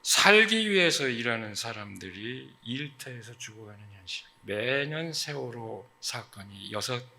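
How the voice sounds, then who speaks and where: A man delivering a sermon from the pulpit, his voice strikingly bright and forward. He talks in an earnest, emphatic way, pausing on fillers and then driving hard on key phrases. His pitch sits in an ordinary middle register. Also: animated, vocal fry. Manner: earnest, emphatic preaching with sudden loud stresses and fillers. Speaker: pastor.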